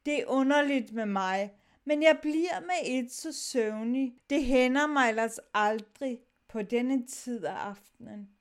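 A woman's voice: a little high, few pauses. A woman reading a dramatic story of shipwrecked sailors aloud, shifting her tone between the sailors' lines.

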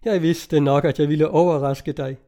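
A man's voice: on the high side, steady tone, mellow, lightly acted. A man reading aloud, voicing a forthright young naval officer in an old-fashioned storybook. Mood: cheerful.

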